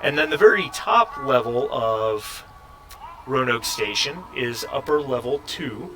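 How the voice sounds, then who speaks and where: Over an online group call, a man acting as game master for a tabletop roleplaying game explains the setting in a halting, casual, conversational manner. His voice is medium-pitched and expressive, and the recording is noisy with a distant mic.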